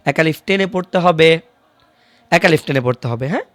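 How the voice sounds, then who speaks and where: A fairly high-voiced man teaches a beginner's Quran reading class, sounding out each letter and vowel mark slowly and repeating it. The recording is close and dry, with no room sound. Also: a bit bright, no echo. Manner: patient, repeats each syllable slowly for students to follow. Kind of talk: online recitation lesson.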